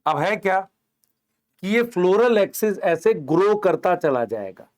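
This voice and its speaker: A man teaches biology to exam students in a fairly high voice. He keeps asking the class short questions, answers them himself, and calls the students "beta". He talks through his board drawings step by step. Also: very animated, slow, a little mellow. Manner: explains while drawing on a board, points with "idhar dekho". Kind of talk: online exam-prep lecture, Hindi mixed with English terms.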